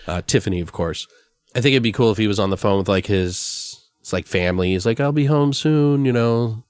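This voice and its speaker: A deep-voiced podcast host speaks a little fast in studio-quality audio with no echo. He brainstorms in a casual, rambling way, using plenty of slang and profanity.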